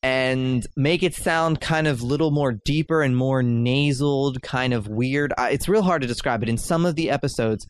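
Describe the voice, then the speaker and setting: A man's voice: medium pitch, normal speed, hardly any pauses, smooth. A man hosting a podcast in casual chat, talking with lots of fillers and frequent laughs. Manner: chatty, laughs often, many fillers. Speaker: podcast host.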